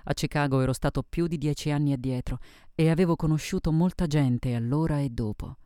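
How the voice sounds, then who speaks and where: A man's voice: a little high, mellow, clear, resonant tone, no room sound. Man reading a novel, dry close sound. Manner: measured literary reading, first person. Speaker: audiobook narrator. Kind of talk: scripted narration.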